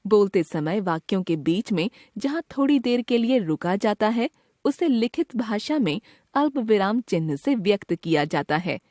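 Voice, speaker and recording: Lively-voiced woman teaching children. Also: medium pitch, no room sound, clean studio sound. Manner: clear, measured explaining to children. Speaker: grammar teacher. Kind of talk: scripted lesson narration.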